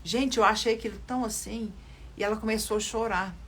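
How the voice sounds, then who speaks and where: A woman's voice: mid-range voice, fairly even intonation, brisk, slight background noise. An older woman from Brazil preaching in a livestream sermon, earnestly addressing viewers and repeating phrases for emphasis. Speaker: children's ministry leader.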